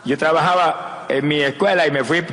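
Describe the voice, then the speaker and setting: A man preaching a fervent sermon and telling his own testimony, breaking into shouted praise. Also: a little high, fairly even intonation, moderate pace. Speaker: evangelist preacher. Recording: long hall reverb.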